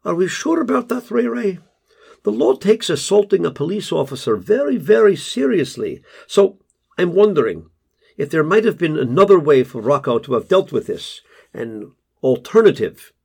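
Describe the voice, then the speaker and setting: A man voicing a calm, soft-spoken male group therapist who speaks in a measured, gently probing way. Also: on the high side, gravelly, husky, pitched above the performer's own voice, heavily acted.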